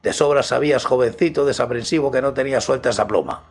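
A man's voice: mid-range voice, fast, creaky, slightly rough. A man with a Spain Spanish accent voicing a haughty, irritable talking owl in a storybook tale, disdainful and indignant. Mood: offended.

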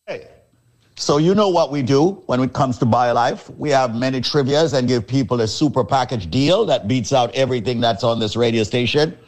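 A man hosting a radio show, giving a showy, teasing sales pitch and repeating his points. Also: moderate pace, a little mellow. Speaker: radio host selling a supplement.

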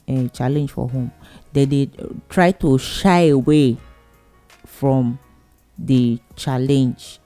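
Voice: mid-range voice, warm tone. A programme host with a Nigerian accent giving advice on family life in a conversational, preachy way, repeating phrases for emphasis.

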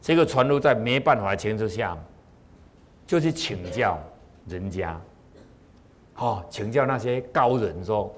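A male storyteller, recounting a moral folk tale. His pitch swings widely as he repeats phrases for emphasis and scatters filler particles through his speech. His delivery is lively and conversational. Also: unhurried, pauses often.

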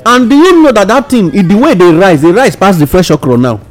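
A man's voice: sits high, expressive, fairly quick. A man with a Nigerian accent explaining things casually in Nigerian Pidgin as a radio guest. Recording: music bed under the voice.

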